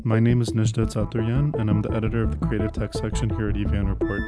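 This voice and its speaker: A man's voice: fairly low pitch, little pitch movement, fast, loud music behind the voice. A man hosting a podcast, reading a scripted introduction and then asking his guest questions. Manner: scripted intro, brief prompts. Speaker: podcast host. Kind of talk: interviewing.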